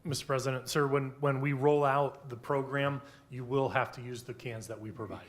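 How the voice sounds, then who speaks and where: Male city official, American, plain halting explanations, medium pitch, faint room noise. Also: fairly even intonation. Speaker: city official answering council questions. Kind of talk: informal explanation at a meeting. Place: indoor council meeting.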